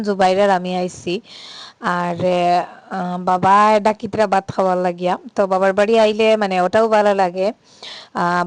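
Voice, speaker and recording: A woman's voice: medium pitch, darkish tone, smooth, no room sound. A middle-aged woman with a Sylheti Bengali accent, chatting unhurriedly as a vlogger with frequent "ah" fillers. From Sylhet, Bangladesh. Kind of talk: casual vlog narration.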